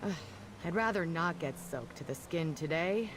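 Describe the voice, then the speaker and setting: A woman's voice: fairly low pitch, expressive, moderate pace, close to an everyday voice. An actress playing a wry, grudging woman adventurer in a video game, with a dry, teasing delivery.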